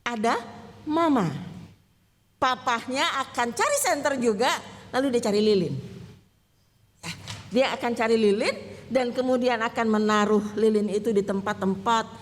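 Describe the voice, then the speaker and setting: A woman's voice: a little high, moderate pace, long pauses. A woman pastor giving a conversational sermon, chatting with the congregation, asking them questions and laughing often. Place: church. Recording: reverberant church hall.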